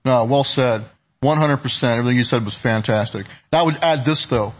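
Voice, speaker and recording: A man's voice: mid-range voice, brisk. A man hosting a political talk show, conversational, with casual, punchy phrasing.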